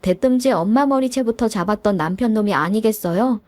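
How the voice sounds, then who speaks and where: A woman's voice: medium pitch, fairly quick, a little mellow, no echo. A woman narrating a dramatized story as the wife, with a cold, cutting delivery.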